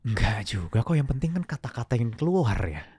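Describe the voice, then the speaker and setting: A man's voice: mid-range voice, very animated, fairly quick, dark tone, slightly rough, dry recording. A man talking casually as a coach in an interview, explaining with examples and slipping in English words. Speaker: public speaking coach and guest.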